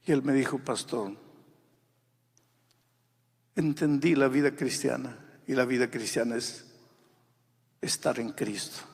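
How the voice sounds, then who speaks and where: A male pastor preaching a sermon, moving between quiet storytelling and loud, fervent exhortation. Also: medium pitch, steady tone, unhurried, vocal fry, long pauses, breathy edge. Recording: long hall reverb.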